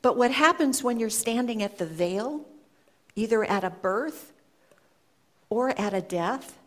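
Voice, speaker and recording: A woman giving a reflective storytelling talk to an audience, speaking in an earnest, measured way with pauses. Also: a little high, lively intonation. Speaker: speaker sharing a personal story.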